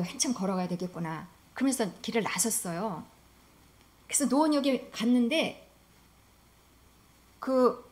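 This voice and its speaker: High-voiced woman preaching earnestly. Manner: earnest, emphatic preaching that drops to soft near-whispers. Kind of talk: sermon.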